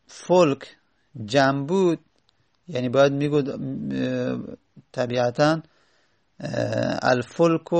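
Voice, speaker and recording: A man teaching a grammar lesson, reading a text aloud and then explaining it slowly with frequent pauses. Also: medium pitch, creaky. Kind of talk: classroom lesson explaining Arabic morphology.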